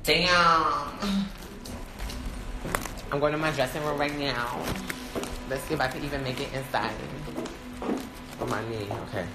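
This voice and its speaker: Over loud music, a young man who performs as a sassy drag queen chats casually and banters playfully on a livestream, his mid-range voice measured and fairly even, with long pauses. He moves indoors through a backstage hallway, an elevator and a dressing room, holding or propping up his phone. The stream sounds echoey and noisy.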